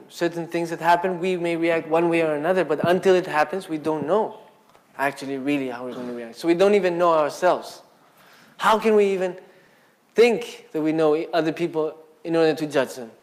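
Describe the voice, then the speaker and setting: Easygoing man telling a dharma story. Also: on the high side. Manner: casual and conversational, filler-heavy, acts out quotes. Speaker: speaker at a Buddhist centre. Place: indoor Buddhist centre talk.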